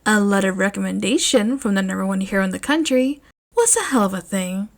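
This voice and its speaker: Woman reading a story with a lively lilt. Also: medium pitch, brisk. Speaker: narrator, fanfiction reader. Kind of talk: storybook narration.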